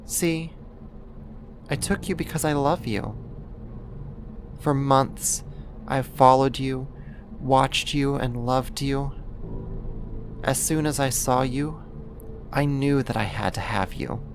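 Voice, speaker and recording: Over a noisy background, a medium-pitched actor performs an ASMR roleplay as a possessive neighbor turned kidnapper. The speech is deliberate, intimate, and controlling, carrying an obsessive, justifying mood.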